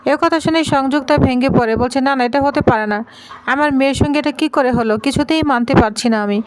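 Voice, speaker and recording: A woman's voice: high-pitched, fast, slight background noise, low-quality recording. A woman narrating a TV serial episode as a story, reading each character's lines in much the same voice. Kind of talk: storytelling narration with quoted dialogue.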